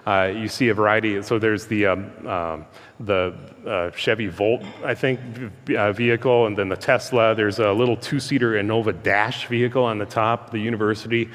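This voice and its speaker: A man giving an informal public presentation through loud speakers, speaking in a halting, conversational way as a guest speaker. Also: on the low side, steady tone. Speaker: guest speaker, transportation engineer. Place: large room, speaking through a PA system. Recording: hall reverb, amplified through loudspeakers.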